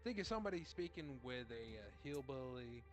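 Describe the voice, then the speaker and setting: A man's voice: medium pitch, animated, brisk, music in the background. A man in casual chat, talking hesitantly with many ums and restarts.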